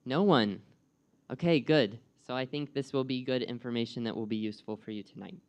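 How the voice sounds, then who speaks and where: Speaking live as a guest speaker and program coordinator, this young American man poses questions to his listeners in an amiable way. His voice sits at a medium pitch and has a clean, resonant ring.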